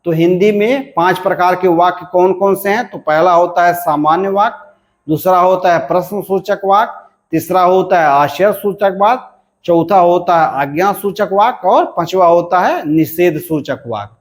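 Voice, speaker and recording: A man teaching a grammar lesson, slow and repetitive, asking questions and answering them himself. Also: high-pitched. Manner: clears his throat now and then. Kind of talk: classroom-style lesson explanation.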